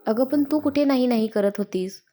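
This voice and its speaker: A woman's voice: a little high, normal speed, dark tone, close to an everyday voice. A woman voicing a playful young groom who jokes and teases his bride. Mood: teasing. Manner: joking, light teasing.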